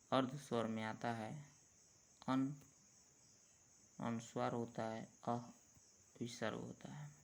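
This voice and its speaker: A man teaching a grammar lesson, speaking in a measured way and drawing out the sounds he demonstrates. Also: mid-range voice, gravelly. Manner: slow, measured, drawn-out letter sounds.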